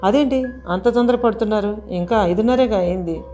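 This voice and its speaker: A woman's voice: medium pitch, fairly quick, warm tone, muffled recording, natural voice. Anxious young man, voiced by a woman narrator, urgent, questioning, storybook, faint music.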